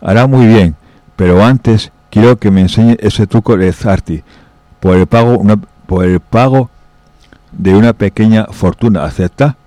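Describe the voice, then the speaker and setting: A man voicing El Coyote, a suave masked outlaw gentleman, in a read-aloud story, calm, ironic and measured. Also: lowish voice, no room sound, close to an everyday voice. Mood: smooth, ironic.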